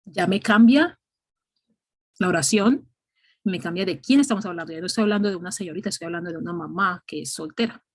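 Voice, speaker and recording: A woman's voice: on the low side, a little fast. A woman teaching an English grammar class, explaining patiently step by step and often checking in with "ok?".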